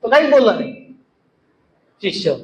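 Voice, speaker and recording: A man giving a devotional discourse, explaining slowly and telling parables. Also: sits high, very animated, highs cut off. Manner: explains slowly, tells stories, chants verses drawn out. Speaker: spiritual teacher.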